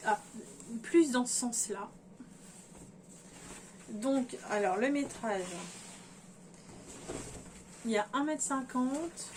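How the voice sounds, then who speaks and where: A woman's voice: fairly high pitch, drawn-out words, pauses often, a little mellow, slight background noise. A woman casually talking through fabrics in a sewing vlog, hesitating and thinking aloud with many fillers while addressing her viewers. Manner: chatty, addresses viewers directly. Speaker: sewing vlogger.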